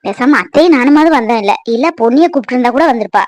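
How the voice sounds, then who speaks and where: A woman's voice: high-pitched, lively intonation, very fast, no echo. A woman playing an exasperated young wife. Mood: scolding. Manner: scolding, impatient, coaxing the baby. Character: young wife, exasperated with her weepy husband. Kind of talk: cartoon voice acting.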